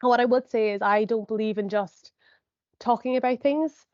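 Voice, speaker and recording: A young woman, a sport and exercise psychologist, gives an explanatory online talk to parents over a video call, her voice on the high side at normal speed. She sounds sniffly from a cold and hedges often with "I suppose" and ums. There's no room sound, and the highs are cut off.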